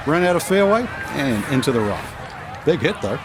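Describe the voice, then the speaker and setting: A man's voice: on the high side, very animated, moderate pace, background noise. A man as a conversational golf commentator, giving analysis in a video game. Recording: loud outdoor ambience behind.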